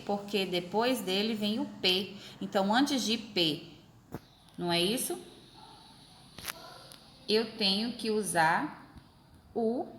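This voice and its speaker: A woman teacher explaining a lesson to her pupils, repeating examples slowly and stretching syllables. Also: mid-range voice, slight background noise. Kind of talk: recorded remote class explanation.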